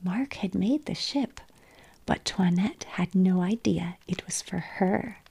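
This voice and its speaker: A woman reads a storybook in a soft, whispered storytelling ASMR style. Her voice is almost all breath, with a gravelly rasp underneath. She keeps a slow, hushed delivery. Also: on the low side.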